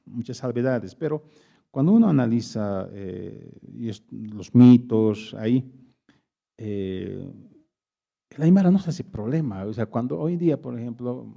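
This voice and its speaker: A man lectures to an audience and answers their questions. He stops often to search for words. His voice is deep-toned, dark and gravelly, and the recording sounds muffled and lo-fi. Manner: hesitant, searching for words with many pauses. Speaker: invited speaker at a public talk.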